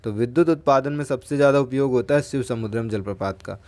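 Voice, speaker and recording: A man's voice: mid-range voice, fast talker, darkish tone. A man teaching exam geography, talking in a chatty way and asking and answering his own questions. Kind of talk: lecture with memory tricks.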